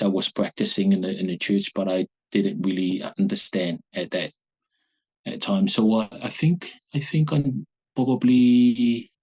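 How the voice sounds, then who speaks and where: Husky-voiced man from Samoa, halting. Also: on the low side, a little mellow, muffled recording. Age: 40s. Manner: halting, searching for words. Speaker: guest, abuse survivor. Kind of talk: personal interview.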